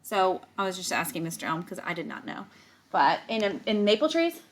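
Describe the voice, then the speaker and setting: A woman with a fairly low voice reads a picture book aloud to children at a fairly quick clip, in a teacherly style. She stretches words, tells the story with animation, and chats directly to the kids with casual explanations.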